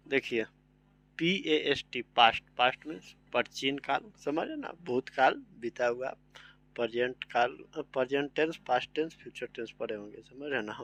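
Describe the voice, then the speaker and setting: A man's voice: medium pitch, lively intonation, normal speed, a bit bright. A man teaching a vocabulary lesson. He spells each word out letter by letter and keeps asking if his students follow. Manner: spells words letter by letter, often asks "samajh rahe na".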